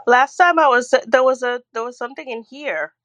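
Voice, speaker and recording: A woman giving a measured, hesitant account of a meeting in a casual online audio-room discussion. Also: high-pitched, a bit bright. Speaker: patient advocate and organizer.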